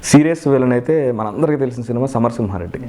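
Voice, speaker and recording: A man's voice: fast talker, heavy background noise. Earnest man telling his story. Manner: earnest, animated, breaks into high shouted impressions. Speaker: mimicry artist guest. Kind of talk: casual interview storytelling.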